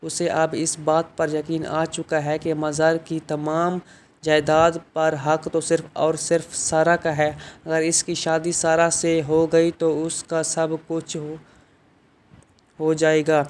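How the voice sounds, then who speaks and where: A man narrating a drama episode recap, reading the quoted lines in the same even tone. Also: fairly high pitch, slight background noise.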